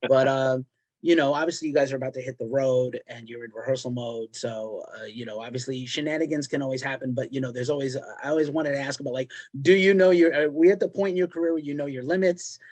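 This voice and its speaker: A man's voice: medium pitch, steady tone, quick pace, a little mellow. A man interviewing a musician, chatty and joking in friendly banter. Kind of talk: casual interview chat.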